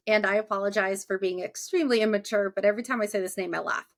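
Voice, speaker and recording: A woman's voice: mid-range voice, steady tone, quick pace. A young woman hosting a podcast in casual, chatty talk, laughing often. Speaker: podcast host.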